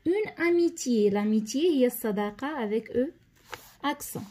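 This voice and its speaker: A woman with a Moroccan accent teaching a lesson, explaining step by step, repeating key terms and reading instructions slowly and deliberately. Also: fairly high pitch, lively intonation, warm tone. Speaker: schoolteacher. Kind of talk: tutorial lesson.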